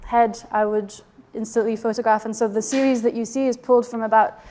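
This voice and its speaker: A woman with a hard-to-place accent that blends English and French gives a thoughtful artist talk. Her voice sits slightly high and stays fairly level, with little rise and fall. She pauses often and fills the gaps with soft ums as she reflects. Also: fairly even intonation, a little hiss or hum. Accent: indeterminate mix of English and French. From Geneva border area, Switzerland/France. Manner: hesitant, many ums, reflective. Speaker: photographer presenting her residency project.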